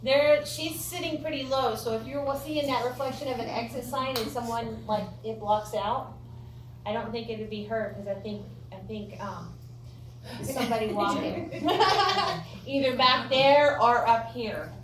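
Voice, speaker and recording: High-voiced American woman guiding a ghost tour. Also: a little slow. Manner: folksy, joking, chatty storytelling. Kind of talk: informal guided tour talk to a group. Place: indoor room of an old theatre. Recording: roomy echo, distant mic, clear background noise.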